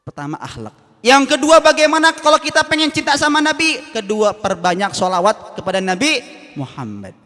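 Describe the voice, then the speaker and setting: A man's voice: extremely high pitch, wildly swooping pitch, fairly quick, sharp tone. A male preacher giving a sermon, rousing the crowd and calling questions out to the listeners. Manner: rousing, calls out questions to the audience. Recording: reverberant hall.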